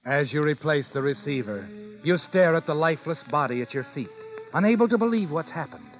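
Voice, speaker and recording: A man plays an ominous, insinuating narrator of 1940s radio suspense, speaking in the second person to a guilty woman listener and needling her with pointed questions. His voice is a little high and close to everyday speech, with lively intonation and a slightly fast pace. Dramatic music plays behind the lo-fi sound.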